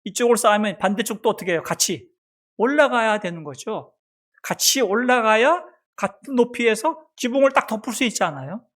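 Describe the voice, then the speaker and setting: A man's voice: sits high, animated, brisk. A man preaching a sermon as pastor of a church, asking the congregation questions and answering them himself. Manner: acts out a mother's soft baby talk. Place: church sanctuary.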